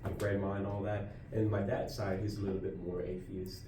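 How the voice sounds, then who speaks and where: A man's voice: fairly low pitch, little pitch movement, fairly quick, recorded from a distance, background noise. A man from Colombia in a casual discussion, speaking earnestly and often restarting his words. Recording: roomy audio from off-mic.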